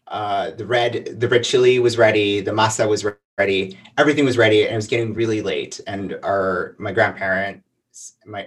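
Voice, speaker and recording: Rambling guest, a bit off-mic. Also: male voice, lowish voice, a bit bright, recorded from a distance. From El Paso and Juarez border region. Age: 30s. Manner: rambling, many fillers and restarts. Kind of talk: casual interview.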